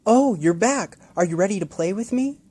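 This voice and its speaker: A man voicing a lonely, gentle little boy who talks softly and hopefully. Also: medium pitch, measured pace, natural voice. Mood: excited. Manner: eager, hopeful, soft.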